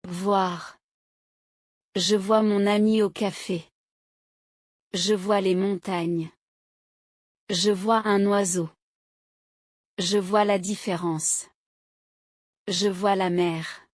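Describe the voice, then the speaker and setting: A woman reads short example sentences one at a time at a very slow, deliberate pace. Her delivery is steady and carefully articulated. She is recorded close and dry, with no room sound around her. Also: mid-range voice, no room sound. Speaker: language teacher reading example sentences.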